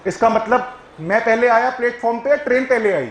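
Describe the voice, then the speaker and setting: High-voiced man teaching in an echoey room. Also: a little fast. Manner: keeps checking if students follow, coaxing. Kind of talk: classroom lecture on English grammar.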